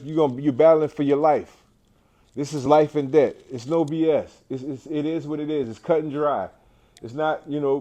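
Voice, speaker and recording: A man's voice: a little high, dark tone, muffled recording. A man and cancer survivor giving an inspirational, faith-driven talk to an audience indoors. He is emphatic, repeats his phrases and often restarts. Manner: faith-driven, preacher-like delivery.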